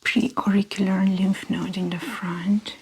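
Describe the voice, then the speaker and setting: A woman whispering softly through an ASMR medical exam roleplay, gentle and clinical as she plays an examining doctor. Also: mid-range voice, fairly even intonation, slow, vocal fry, husky. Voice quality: soft whisper.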